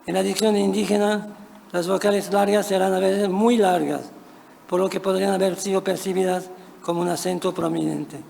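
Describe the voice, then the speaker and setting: Gravelly high-pitched man reading a paper. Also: steady tone, a little mellow. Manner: measured, careful delivery with occasional self-corrections. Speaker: conference speaker. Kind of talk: reading a prepared academic paper. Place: large conference hall. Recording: reverberant conference hall, faint noise.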